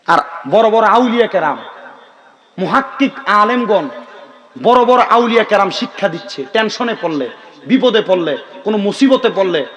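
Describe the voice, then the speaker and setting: A preacher, a man pitched noticeably high for his sex, delivers a sermon to a gathering. He chats and teases, then prods the crowd to answer aloud. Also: a bit bright. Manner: chatty, bantering, calls out to the crowd for responses. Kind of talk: Islamic sermon (waz) to a gathering.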